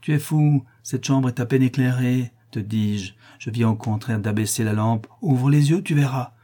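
An alarmed companion pressing warnings on a sick friend, as a man reads him. The voice is low-lit and husky, urgent and insistent in a storybook reading. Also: normal speed, mellow, close to an everyday voice. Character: alarmed male companion urging reason. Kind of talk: audiobook character reading.

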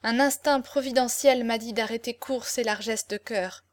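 A woman's voice: a little high, steady tone, moderate pace, lightly acted. A woman reading the part of an ardent young male swordsman in love, with impassioned declamation. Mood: passionate. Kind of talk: audiobook character reading.

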